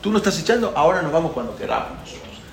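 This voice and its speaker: A man doing a calm, firm prophet. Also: on the high side, racing, creaky. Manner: soothing, steady reassurance. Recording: echoey room, faint background noise.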